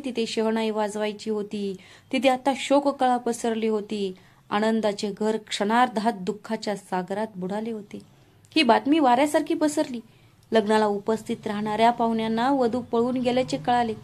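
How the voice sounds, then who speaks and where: A woman's voice: fairly high pitch, fairly even intonation, moderate pace, a little mellow. Woman narrating a dramatic family story.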